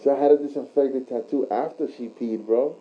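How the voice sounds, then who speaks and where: A man with a mid-pitched voice tells casual stories in crude frat-bro slang, dropping bro constantly. The recording is dull and lo-fi. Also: fairly quick. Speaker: tattoo artist telling stories. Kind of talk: casual chat, anecdote telling. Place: tattoo shop.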